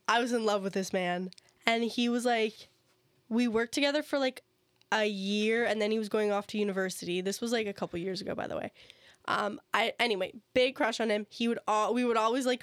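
A woman's voice: fairly high pitch, dry recording, studio quality. Chatty young woman telling stories. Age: young adult. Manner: chatty storyteller, lots of "like" and restarts. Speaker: podcast co-host. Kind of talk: casual chat.

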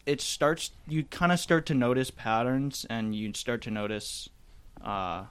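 A man's voice: mid-range voice, expressive, measured pace, clean tone. A man co-hosting a casual film podcast in an attic, hesitant and thinking aloud as he goes. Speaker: podcast co-host. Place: indoors in a chilly attic.

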